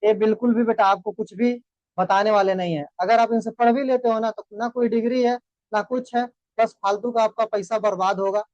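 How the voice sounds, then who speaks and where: A man's voice: sits high, a little mellow, dry recording. A young man teaching biology, giving a motivational lecture to students and checking in with them often. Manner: lecturing, addresses students as beta; repeats "thik hai na" checks. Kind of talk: motivational class talk. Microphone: online class mic. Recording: dull dry sound.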